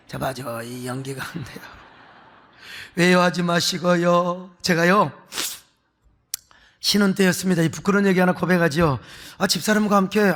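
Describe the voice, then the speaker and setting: A man who is a pastor preaching a sermon, telling a story with acted-out voices and shouts. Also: high-pitched, vocal fry. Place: large church sanctuary. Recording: long hall reverb.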